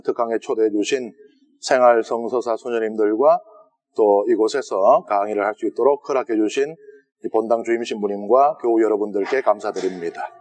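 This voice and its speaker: Standing in a church sanctuary, a priest from South Korea lectures his congregation on scripture for Lent, speaking with a Gyeongsang Korean accent. He keeps it conversational and chatty, often putting questions to his audience, in a slightly mellow voice of mid-range male pitch.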